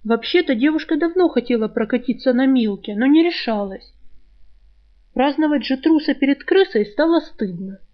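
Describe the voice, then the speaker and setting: A woman reading a fantasy novel aloud as an audiobook narrator, in steady storytelling. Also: high voice, moderate pace, dull audio. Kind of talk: scripted narration.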